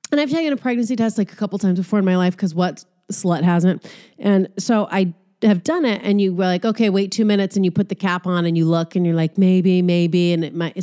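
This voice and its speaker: Chatty, profane young woman vlogging. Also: mid-range voice. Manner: chatty, profane, animated storytelling with quoted voices. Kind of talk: casual chat.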